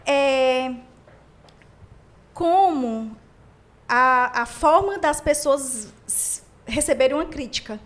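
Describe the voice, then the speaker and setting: A woman's voice: high voice, animated, slow, long pauses, fairly bright tone. A woman interviewing a guest in a casual, admiring, reflective way.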